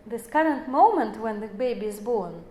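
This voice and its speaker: A woman's voice: a little high, expressive, moderate pace, mellow. A woman in her forties giving an explanatory lecture, speaking English as a with many fillers and self-corrections. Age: 40s. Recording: echoey room.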